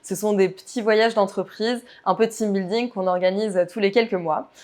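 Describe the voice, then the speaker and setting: Young woman from the states, in-house lawyer, earnest, talks you through her job, mid pitch. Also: fairly even intonation, normal speed, a little mellow. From United States. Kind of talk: company profile interview.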